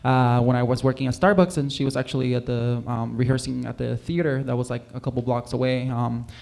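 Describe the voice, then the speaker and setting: A man's voice: mid-range voice, steady tone, fairly quick, creaky, a little mellow. A young man from Puerto Rico, a singer, chatting casually as a guest in a livestream interview, rambling with many fillers. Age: young adult.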